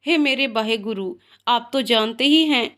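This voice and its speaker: A woman voicing a heartbroken husband who mourns and prays in sorrow, in her own high voice. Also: a little slow, fairly bright tone. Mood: sorrowful. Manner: sorrowful, praying. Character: grieving Punjabi husband, heartbroken.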